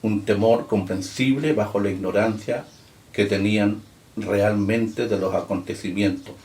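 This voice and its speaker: A low-pitched man delivers a sermon as pastor, reading scripture aloud with firm emphasis. He slows down and lifts his voice on key words. His voice rings around an echoey church room. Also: fairly even intonation, darkish tone.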